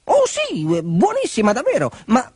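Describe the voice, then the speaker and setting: A cheeky, half-starved dog from a children's story, as a man puts on his voice. He talks high and sing-song, with big swoops in pitch. He fumbles and stammers through sly excuses. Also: huge pitch swings, normal speed, darkish tone, breathy edge, dry recording, studio quality, exaggerated voice. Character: cheeky skinny hungry male dog. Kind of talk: storybook character voice.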